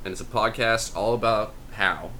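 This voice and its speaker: A young man in his twenties co-hosting a podcast, talking casually with a dry, deadpan manner and some swearing. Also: on the low side, moderate pace, slight background noise. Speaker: podcast co-host. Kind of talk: casual chat.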